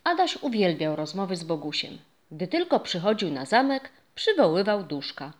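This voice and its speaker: A woman narrating a children's storybook in a gentle, expressive reading style. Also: on the low side, normal speed.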